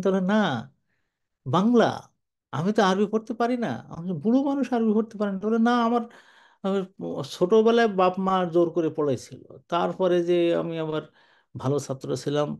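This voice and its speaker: An older man giving a sermon-style Quran commentary, lively and colloquial, moving between slow Arabic recitation and quick speech. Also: medium pitch, gravelly.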